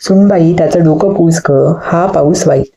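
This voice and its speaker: A woman's voice: low-pitched, normal speed, warm tone. A woman reading the part of a protective old grandmother who fusses over her grandson, in a soothing, coaxing manner.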